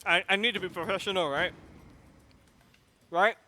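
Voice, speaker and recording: A man's voice: high-pitched, moderate pace, bright, forceful tone, slight background noise. A man casting an esports match in a casual, chatty way, playful and rambling as his attention wanders. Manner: playful, rambling, easily distracted. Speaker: esports caster.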